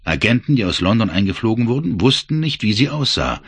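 A man narrating a novel as an audiobook in an expressive way. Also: fairly low pitch, brisk, gravelly, slightly rough, dry recording. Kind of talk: scripted narration.

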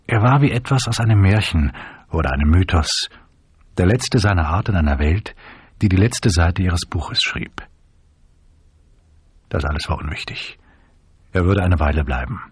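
A man narrating an audiobook in a measured storytelling manner. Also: low voice, lively intonation, breathy edge, dry recording, clean studio sound.

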